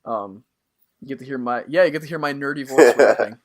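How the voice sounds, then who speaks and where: A young man co-hosting a podcast in casual chat, upbeat and quick to laugh. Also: medium pitch. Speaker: podcast co-host.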